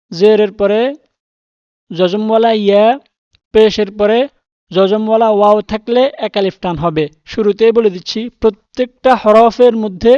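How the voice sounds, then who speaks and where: A man teaching Quran reading, who spells words out letter by letter with patience and chants the verses slowly and melodically. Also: high voice, darkish tone, no echo, highs cut off. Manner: melodic drawn-out chanting when reciting verses. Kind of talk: slow Quran reading lesson.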